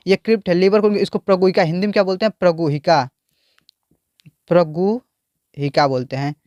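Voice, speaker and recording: A man's voice: sits high, rapid-fire, darkish tone, no room sound, highs cut off. A man teaching biology, explaining a diagram and repeatedly asking the class questions.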